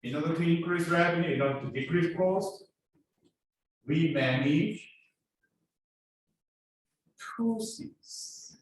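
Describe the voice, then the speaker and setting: A South Korean man lectures on business, his Korean accent clear as he presses the class with rhetorical questions. He speaks slowly in a fairly high pitch, pausing often. The distant recording of the echoey classroom carries slight background noise.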